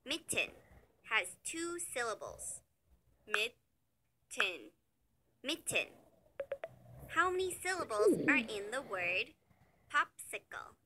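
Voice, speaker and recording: A woman narrating a children's lesson in a slow, cheery sing-song voice, praising between words, over background music. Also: a little high, very animated, bright, forceful tone, slight background noise. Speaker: children's learning app narrator.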